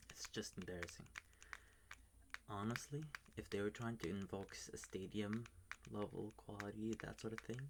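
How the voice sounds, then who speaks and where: Low-voiced man, late-night whispered ASMR rant, swears freely, faint tapping noise behind. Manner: whispering, ranting, swears often. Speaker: ASMR video maker. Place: bedroom at home at night. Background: faint keyboard tapping and clicks.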